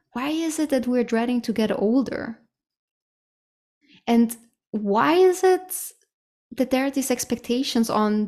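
On the high side with a darkish tone, a woman in her thirties delivers a reflective monologue on her own podcast. She's open and informal, occasionally curses, and often says "like" and "right?".

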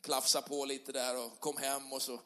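A middle-aged male pastor preaching a sermon in a church hall, conversational with tag questions, rising to loud passionate peaks. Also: mid-range voice, level tone. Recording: long hall reverb.

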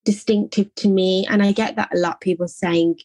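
A young woman from England, an artist answering interview questions in a soft, reflective way, often saying "like" and "I think". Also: mid-range voice, steady tone, normal speed, dry recording.

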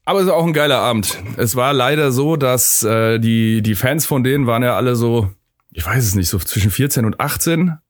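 A man in a casual chat, relaxed and rambling as he tells a tour anecdote, laughing along. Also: mid-range voice, a little fast, no echo, studio quality. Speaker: musician and co-host.

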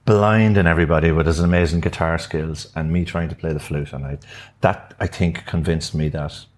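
An older man from Sligo, Ireland, speaks with a west of Ireland accent in a steady, brisk bass voice. A musician appearing as a podcast guest, he tells anecdotes casually and hesitantly in a furnished upstairs room at a venue.

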